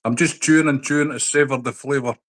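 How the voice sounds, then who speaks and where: Casting: man, stream host, blunt and sweary, mid-pitched, casual banter. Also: steady tone, quick pace, fairly bright tone. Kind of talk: casual chat on a livestream.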